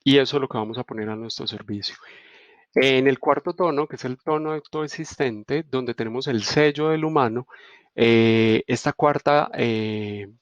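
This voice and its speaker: A man giving a reflective spiritual teaching, unhurried and checking in with rhetorical questions. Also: mid-range voice, no room sound, highs cut off. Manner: unhurried, repeats rhetorical "¿sí?" and "¿cierto?".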